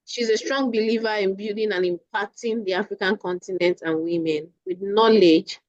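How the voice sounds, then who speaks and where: A woman introduces a guest speaker, reading a prepared bio in a formal, even way. Her voice comes over a video call with muffled, lo-fi sound and no room echo. Her pitch sits in a middle range for a woman. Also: moderate pace. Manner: formal, steady reading pace. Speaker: event host. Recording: dull lo-fi video call audio.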